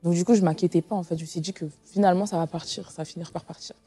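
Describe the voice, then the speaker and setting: A woman's voice: fairly low pitch, fairly even intonation, racing, warm tone, breathy edge, no room sound, soft background music. A woman in her twenties sharing a personal testimony in an interview, speaking hesitantly with many fillers and restarts. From Portugal. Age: 20s.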